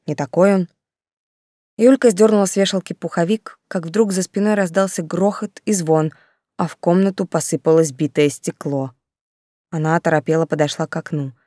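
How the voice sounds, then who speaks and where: A woman reading a novel aloud as narrator, telling the story with lively wry asides. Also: low voice, no room sound, clean studio sound. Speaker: audiobook narrator. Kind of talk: scripted narration.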